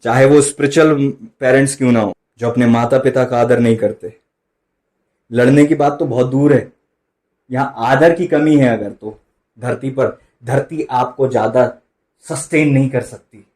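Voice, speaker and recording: A man preaching a sermon, switching between loud emphatic bursts and quiet dropped asides, slowing right down for quoted lines. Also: mid-range voice, fairly even intonation. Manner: mixes in English phrases and slow drawn-out quotes. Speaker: pastor.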